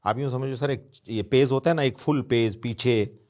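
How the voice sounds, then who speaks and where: A man in his fifties, a guest in an interview, tells an anecdote at a moderate pace in a medium-pitched, slightly mellow voice. He acts out the voices of the people he quotes.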